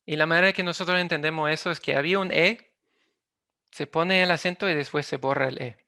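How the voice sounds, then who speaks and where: A man presents academic material over a video call, pausing and restarting as he hunts for the right word. His voice is gravelly and bright, sitting a little high for a man, and the sound is close and dry. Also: steady tone, no room sound. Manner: halting, often searches for words. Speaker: linguistics presenter.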